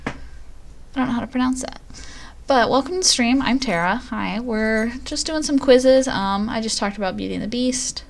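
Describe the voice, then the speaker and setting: A woman's voice: fairly high pitch, normal speed, gravelly. A woman streamer chatting casually on a live stream, rambling and poking fun at herself. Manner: chatty, self-deprecating, rambling.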